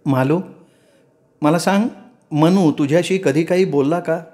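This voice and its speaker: A man's voice: a little high, measured pace, mellow, pitched above the performer's own voice, lightly acted. A man voicing an aging village mother-in-law in a Marathi story reading, with a raised, anxious voice. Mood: coaxing.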